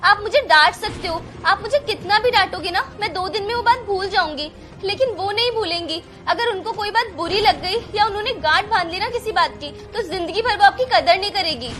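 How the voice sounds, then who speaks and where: A young woman plays a grown daughter calmly talking her mother round in a home drama, pleading and patient. Her voice is very high, with faint music behind it. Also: fairly quick. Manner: pleading, reasoning, gently scolding. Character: married daughter defending her sister-in-law. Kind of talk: family drama acting.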